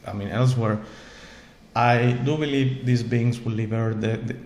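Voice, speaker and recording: The host of his own show, a man for whom English is not a first language, gives a sincere, meandering spiritual talk to camera, repeating words and checking in with "okay?". His medium-pitched voice is steady and darkish at a moderate pace, and the echoey room carries faint ambient noise.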